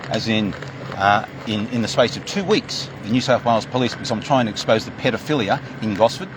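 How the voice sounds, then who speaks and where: Brief: Australian man pulled over, quick and argumentative, street traffic noise. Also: lowish voice, lively intonation. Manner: rambling, argumentative, repeats mate. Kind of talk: roadside argument with police. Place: roadside in a vehicle.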